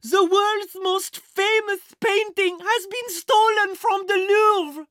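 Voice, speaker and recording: A woman's voice: extremely high pitch, steady tone, slow pace, fairly bright tone, dry recording, clean studio sound, voice pushed up, exaggerated voice. A woman voicing a shocked female museum cleaner who shrieks in alarm. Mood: panicked.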